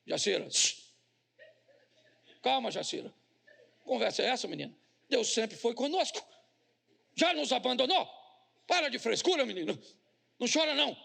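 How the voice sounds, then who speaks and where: Stern old-fashioned older husband, brusque and scolding, gravelly and bright as a preacher acts him out. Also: male voice, very high voice, sing-song, normal speed, long pauses, full character voice.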